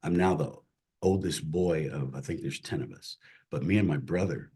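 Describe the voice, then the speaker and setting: A middle-aged man, a chaplain, telling his personal faith story as an interview guest in an earnest, emotional way that drops to a hush at hard moments. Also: a bass voice, moderate pace, slightly rough. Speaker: chaplain and CPE director, guest.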